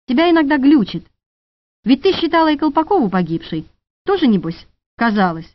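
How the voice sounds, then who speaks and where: Gruff impatient police major, read by a woman. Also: sits high, very animated, brisk, no echo, pitched above the performer's own voice. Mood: brusque. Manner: curt, snapping. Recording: dull dry studio recording.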